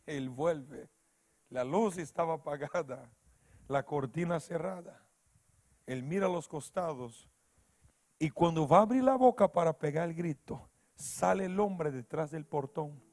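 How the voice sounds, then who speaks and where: A man preaching a sermon as pastor, telling a story and building to loud shouted climaxes. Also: fairly high pitch, measured pace. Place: church.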